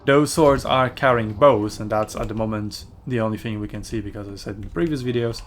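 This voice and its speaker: A man's voice: fairly low pitch, fairly quick, a little hiss or hum. A man hosting a gaming video, giving casual gameplay commentary in a rambling, chatty way with fillers and self-corrections.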